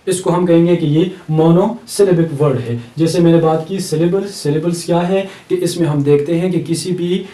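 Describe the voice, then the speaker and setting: A male English teacher with a Pakistani accent giving a recorded lecture, explaining step by step and repeating example words slowly. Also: a little high, steady tone, mellow. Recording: echoey room, mic at a distance.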